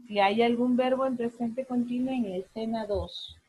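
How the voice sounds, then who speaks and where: A woman's voice: fairly high pitch, steady tone, moderate pace, a little mellow, husky, no echo, rough recording. A woman English teacher giving an online class on a video call, explaining patiently and drawing out her examples.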